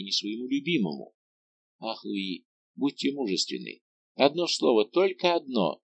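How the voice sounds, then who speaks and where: A man's voice: lowish voice, fairly bright tone, no room sound. A man reading an audiobook, voicing a young noblewoman who pleads with her royal lover in a passionate, pleading way. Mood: desperate.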